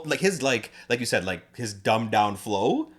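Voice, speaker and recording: A man's voice: mid-range voice, sing-song, fairly bright tone, slightly rough. A young man co-hosting a podcast, easygoing and agreeable in casual chat. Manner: easygoing, agreeable, quick to laugh along. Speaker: podcast co-host.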